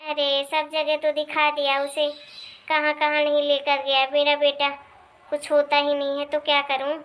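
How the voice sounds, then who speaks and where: A woman's voice: high voice, monotone, normal speed, fairly bright tone. A woman voicing a nagging older mother-in-law who complains and scolds. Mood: grumbling.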